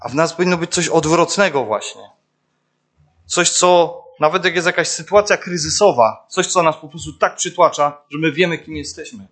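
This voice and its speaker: A man's voice: a little high, normal speed, a bit bright. A young man giving an informal sermon, searching for words with many fillers and restarts, often turning to the listeners. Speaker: preacher.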